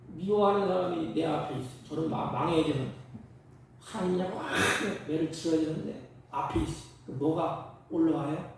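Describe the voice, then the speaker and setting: Gravelly high-voiced male pastor preaching. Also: a little hiss or hum. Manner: preaching with sudden loud emphatic rises. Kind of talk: sermon. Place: church sanctuary. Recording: echoey church hall from far off.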